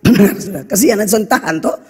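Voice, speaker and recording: A man preaching in a Kupang accent, his voice unusually high and husky. He scolds bluntly and drops into local slang. The sermon rings through a reverberant church hall over faint background music. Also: racing, darkish tone. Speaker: pastor.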